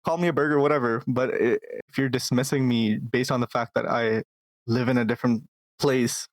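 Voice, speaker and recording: Born in Pakistan and in his twenties, a man in Calgary, Canada, talks earnestly as a guest in a casual interview, often repeating words to stress a point. His mid-range voice is steady and brisk, with no echo but poor audio.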